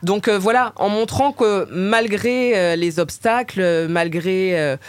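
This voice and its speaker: A woman's voice: medium pitch, a little slow, no echo. A woman in her forties from the Paris suburbs with a suburban Parisian accent, answering interview questions hesitantly with many fillers. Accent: Paris suburban French. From Paris suburbs, France. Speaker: author and interviewee.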